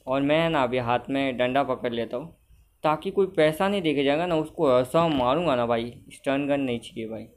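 A young man giving casual commentary on his own gameplay, chatty and talking to himself, at times loud and scolding at the game characters. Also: mid-range voice, moderate pace. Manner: chatty, talks to himself, keeps saying brother. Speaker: gamer.

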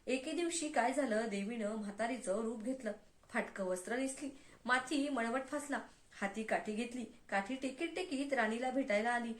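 Woman, devotional story narration, measured and expressive, fairly high voice, echoey room.

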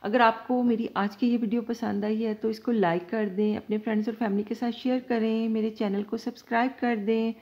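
A woman hosting her own cooking channel, calmly explaining each step of a recipe to viewers from her home kitchen. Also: a little high, fairly quick, few pauses, lo-fi sound. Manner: calm, instructive, addresses viewers directly.

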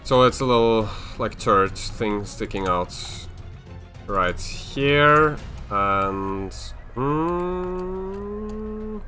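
A man's voice: medium pitch, very animated, drawn-out words, bright, forceful tone, soft background music. A young man from Norway chatting casually on a live stream while building in a game, thinking aloud with lots of fillers and restarts.

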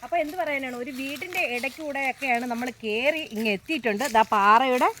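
On a casual walking vlog, a travel vlogger from Kerala, India, speaks with a southern Kerala Malayalam accent in a high, bright, forceful voice at a fairly quick pace. She moves outdoors through a village and over a rocky hill, repeating phrases and tossing little tag questions to viewers, with light noise behind her.

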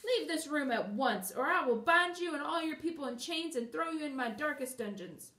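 A woman voicing a haughty, vain princess who is quick to fury, with an imperious, shrill manner, recorded in a roomy space from a distance. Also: close to an everyday voice. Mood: furious.

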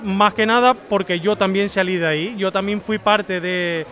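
A man, a head chef answering interview questions through a face mask, halting with frequent restarts. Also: sits high, fairly even intonation, a bit bright. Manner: halting, many restarts and fillers. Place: outdoor town square at a night festival.

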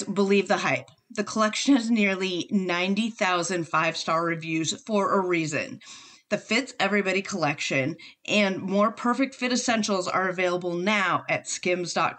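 A woman's voice: medium pitch, bright, forceful tone. A woman co-hosting a podcast, reading a sponsor ad in an enthusiastic, confiding way. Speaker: podcast co-host. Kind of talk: read podcast ad.

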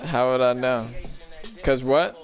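A man chatting casually with friends while gaming, trash-talking loudly and cracking up laughing. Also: medium pitch, slow, soft background music. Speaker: gamer streaming with friends.

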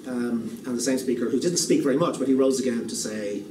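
A man's voice: mid-range voice, fairly quick. A man in his sixties giving a public lecture at a lectern, thoughtful and restarting often, repeating words as he works out each point. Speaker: keynote speaker. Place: lecture room, standing at a lectern. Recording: echoey room, far from the mic, room noise.

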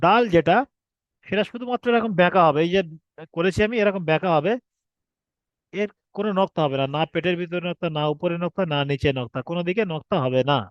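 A man's voice: high voice, fast, no room sound, lo-fi sound. Man patiently teaching alphabet pronunciation. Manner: patient, repetitive explaining with rhetorical questions. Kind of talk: online recorded class lesson.

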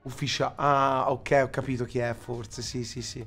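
A man's voice: medium pitch, little pitch movement, measured pace, a bit bright, husky, faint music behind. A man in his thirties giving casual live reaction commentary as a streamer, bemused and complaining, close to the mic. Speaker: streamer and host. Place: small indoor streaming room.

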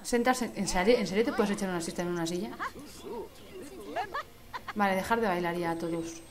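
A woman with an accent from Spain, commenting on a life-sim game, excitable and sweary, often breaking into silly singing. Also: medium pitch, a little fast, crowd noise. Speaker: gaming host. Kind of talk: let's play commentary. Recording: game music playing behind the voice. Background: game music.

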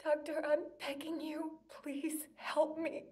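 A woman's voice: high voice, flat delivery, slow pace, a little mellow, far from the mic. An actress playing a distressed, desperate woman in a video game drama, emotional and pleading.

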